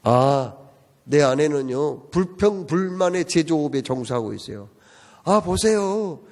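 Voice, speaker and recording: A man's voice: fairly high pitch, animated, a little slow, a little mellow. A man playing an embarrassed middle-aged husband. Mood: exasperated. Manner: polite, then exasperated confiding. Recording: long church-hall reverb.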